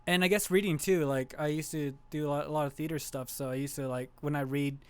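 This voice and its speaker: A man on a streamers' podcast talks in a fairly high voice. He halts, restarts and searches for words as he speaks. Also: steady tone, darkish tone, clear, resonant tone. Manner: hesitant, halting, many restarts. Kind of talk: casual chat.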